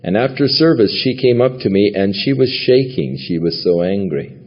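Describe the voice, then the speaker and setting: A man's voice: fairly low pitch, lively intonation, normal speed. A man preaching a sermon in a church, teaching from the Bible in a conversational way and chuckling now and then. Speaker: pastor. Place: church sanctuary. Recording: lo-fi recording with long hall reverb.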